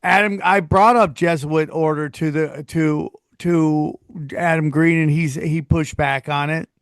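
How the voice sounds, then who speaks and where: A man's voice: a little high, fairly even intonation, measured pace, clear, resonant tone, dry recording, clean studio sound. A man hosting a casual podcast, talking in a loose, rambling way and plugging his live shows. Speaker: podcast host.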